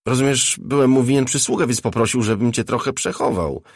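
A man voicing an unsure, plain-spoken working man who explains things haltingly. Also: medium pitch, no echo, clean studio sound, voice pushed up, lightly acted. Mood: explaining. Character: simple, unsure grease-stained working man.

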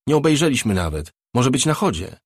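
A man voicing a furious, desperate young woman in an audiobook, his voice raised and shrill. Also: very animated, brisk, breathy edge, dry recording, studio quality. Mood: pleading. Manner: shrill and screaming when angry.

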